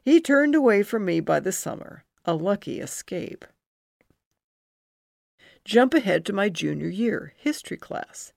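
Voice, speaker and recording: A middle-aged woman from New Jersey reads her own memoir aloud, slow and expressive, her voice jumping high at remembered feelings. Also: creaky, no room sound, studio quality. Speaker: memoir narrator. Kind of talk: first-person memoir reading.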